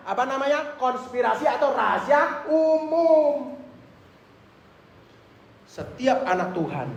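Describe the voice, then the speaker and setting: A man preaching a sermon, telling a story with acted-out voices and sudden loud outbursts. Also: extremely high pitch, creaky, echoey room, low-quality recording.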